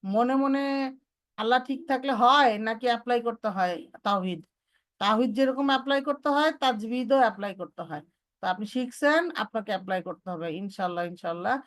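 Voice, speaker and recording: A woman leads a Quran recitation lesson, her voice sitting a little high. She drills letter sounds slowly and deliberately, repeating each syllable, and drops English phrases into her talk. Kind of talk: online tajweed lesson.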